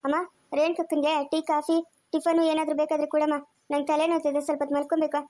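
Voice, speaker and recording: A woman's voice: high voice, monotone, quick pace, warm tone, natural voice. A woman playing a bitter, defiant young mother. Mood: refusing. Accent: rural Chikkaballapur Kannada. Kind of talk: amateur family drama acting.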